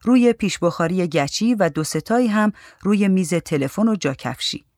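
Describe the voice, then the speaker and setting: A narrator reading a short story aloud in a calm, even literary manner. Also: medium pitch, no echo, studio quality.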